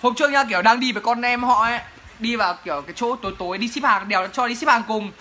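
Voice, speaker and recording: A man's voice: extremely high pitch, fast talker, sharp tone, slight background noise. A young man, chatting playfully in a casual Q&A vlog. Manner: playful, joking, chatty with laughs. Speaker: vlogger. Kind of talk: casual Q&A chat to camera.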